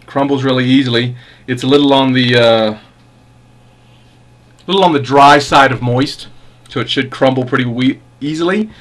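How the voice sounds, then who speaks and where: A man giving a casual product review as a pipe tobacco reviewer, musing in an unhurried, halting way with savoring enthusiasm. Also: medium pitch, steady tone, fairly bright tone.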